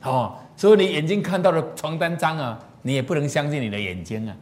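A man's voice: fairly high pitch, a little fast. A man giving a moral lecture through stories, often asking the audience questions. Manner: animated, asks the audience questions. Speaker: moral teacher.

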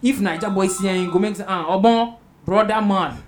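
Over soft background music in a noisy, ambient room, a Ghanaian-accented man hosts a roundtable in a high-pitched voice at a fairly quick pace. His talk is casual and Pidgin-flavoured, and he repeats back what his guests say.

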